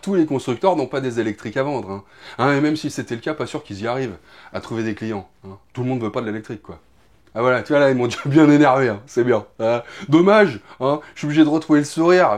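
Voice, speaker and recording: Sarcastic, animated man. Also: on the high side. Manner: mocking, joking, laughs often, lots of fillers. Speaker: motorcycle news host. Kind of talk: sarcastic casual commentary.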